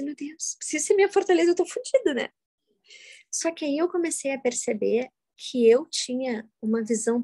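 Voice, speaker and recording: At a live workshop, a female facilitator tells stories to her audience in a jokey, animated style, breaking into sudden loud, high bursts.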